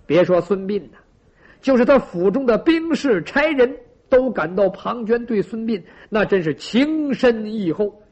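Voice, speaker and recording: Animated husky storyteller man. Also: high voice, measured pace. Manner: dramatic, vivid with sound effects and asides to listeners. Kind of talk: traditional pingshu storytelling. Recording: lo-fi dull recording.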